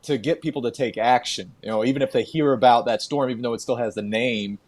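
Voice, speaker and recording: A man's voice: medium pitch, fairly even intonation, fast talker, darkish tone. A man speaks as a podcast host. He poses questions and adds his own commentary in an everyday conversational interview style.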